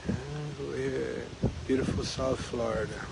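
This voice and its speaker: A man's voice: mid-range voice, steady tone, measured pace, vocal fry. A man chatting casually on a live vlog outdoors by the water. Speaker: live streamer. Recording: outdoor recording with wind noise on mic.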